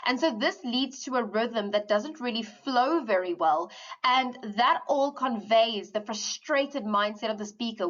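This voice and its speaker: A woman teacher giving a poetry lesson, explaining eagerly and slowing down to read quoted lines. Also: fairly high pitch, muffled recording. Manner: animated explaining, reads quoted lines slowly.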